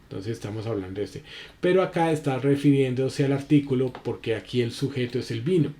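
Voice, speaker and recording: A man teaching a recorded spelling lesson, explaining at a halting pace with many fillers and restarts. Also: medium pitch, warm tone.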